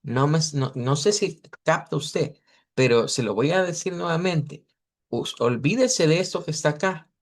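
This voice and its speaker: A man teaching an English pronunciation class over a video call, patiently repeating model words slowly for his students. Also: a little high, animated. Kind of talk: online class correcting students.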